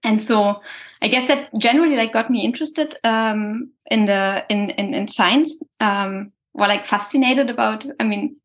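A German scientist appearing as a guest, whose first language is German, answers interview questions in a fairly high voice at a moderate pace. She is hesitant, with many fillers and restarts.

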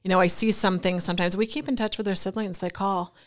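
A middle-aged woman telling a personal story in an interview, animated and laughing between quick asides. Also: mid-range voice. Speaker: guest.

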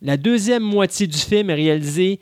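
A man with a Québécois accent, voice pitched a little high, holds forth in a casual podcast chat. He is opinionated, talks at length and often restarts his sentences. The sound is dry and close. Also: animated, normal speed, no room sound. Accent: Québécois French. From Quebec.

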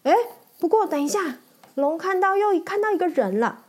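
Animated woman reading a picture book aloud. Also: very high voice, moderate pace. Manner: animated, with sound effects and questions to the listener. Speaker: storyteller.

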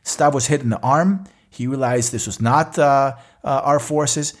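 A man hosting a podcast, telling a story in an earnest, halting way with fillers and restarts. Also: mid-range voice. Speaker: podcast host. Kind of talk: storytelling narration.

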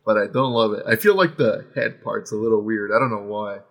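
A man's voice: lowish voice, fairly quick, fairly bright tone. A man co-hosting a casual podcast, easygoing and chuckling as he steers the chat. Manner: easygoing, chuckling, drifts between topics. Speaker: podcast co-host.

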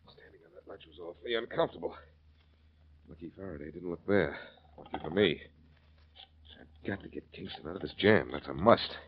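An actor playing a cool-headed adventurer hero on an old radio show, talking in a clipped, confident and wry way. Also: male voice, low-pitched, expressive, fairly quick, pauses often, slight background noise. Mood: musing. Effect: old radio show broadcast. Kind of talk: 1940s radio acting. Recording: muffled lo-fi vintage radio recording.

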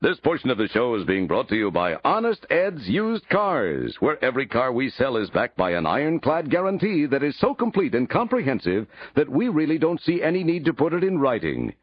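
Husky, swooping male parody ad announcer. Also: medium pitch, sing-song, fairly quick, few pauses. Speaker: comic ad announcer. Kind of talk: parody radio sponsor announcement. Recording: muffled lo-fi radio clip.

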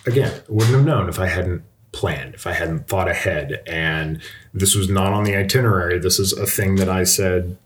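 Male podcast host, very low voice, casual storyteller. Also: normal speed, a little hiss or hum. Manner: chatty travel anecdotes with detours.

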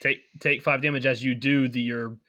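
A man narrating as game master, describing scenes in a halting way with fillers. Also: mid-range voice, level tone, sharp tone, no room sound.

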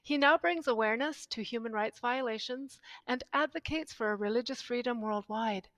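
Lady host reading a measured intro, kinda high voice, super dry. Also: fairly bright tone, dry recording. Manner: formal, measured. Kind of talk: scripted guest introduction.

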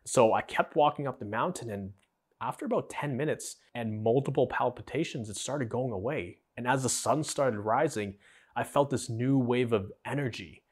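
A man's voice: medium pitch, normal speed, husky. A young man hosting a podcast, telling his own story in an earnest, conversational way and acting out the dialogue. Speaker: podcast host. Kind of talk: personal storytelling.

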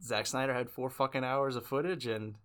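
A man's voice: mid-range voice, steady tone, fairly quick, a bit bright. Blunt, swearing man hosting a movie chat. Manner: blunt and profane, with loose fillers. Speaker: podcast host. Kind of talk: casual movie review chat.

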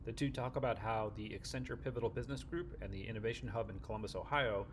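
A man hosting a podcast, reading the episode intro in a steady scripted way. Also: lowish voice, fast, slight background noise. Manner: steady, read-from-script delivery. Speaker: podcast host.

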